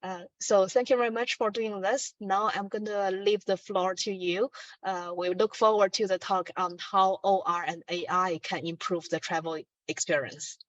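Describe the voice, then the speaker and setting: A woman's voice: mid-range voice, fairly even intonation, normal speed, dry recording, far from the mic, dull audio. Hesitant woman introducing a speaker. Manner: hesitant, many fillers. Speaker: moderator.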